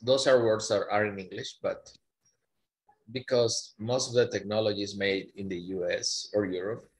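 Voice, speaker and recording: A man's voice: on the low side, fairly even intonation, normal speed. A man tutoring online, playful and teasing, with mock-dramatic complaints. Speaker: Spanish tutor. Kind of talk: online language lesson.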